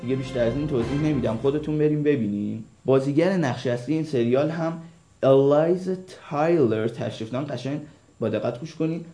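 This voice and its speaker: A man's voice: mid-range voice, dark tone, soft background music. A man co-hosting a radio show, recommending series in a casual, teasing banter. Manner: teasing, joking.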